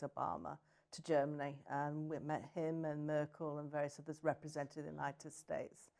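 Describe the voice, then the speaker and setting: In a relaxed interview, the guest is a city economic development director, a middle-aged woman with a Sheffield accent from northern England. She comes across as upbeat, with a low, somewhat mellow voice.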